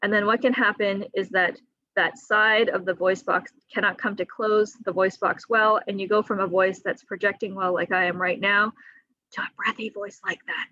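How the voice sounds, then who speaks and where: A woman surgeon on a video call, explaining surgery risks to patients in a clear, teaching manner with a few fillers. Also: medium pitch, steady tone, moderate pace, sharp tone, no room sound, lo-fi sound. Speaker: thyroid surgeon. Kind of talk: patient education talk. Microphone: computer mic on a video call.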